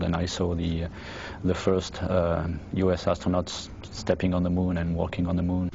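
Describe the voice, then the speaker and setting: A man from France with a French accent, speaking as an astronaut in a documentary interview, halting and full of fillers. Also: low voice, vocal fry, a little mellow, a little hiss or hum. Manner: halting, many fillers and restarts. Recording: dull lo-fi recording.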